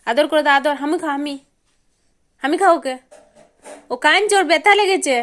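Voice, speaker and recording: A mother coaxing her toddler in sing-song baby talk, asking playful questions and scolding gently. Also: high-pitched, moderate pace.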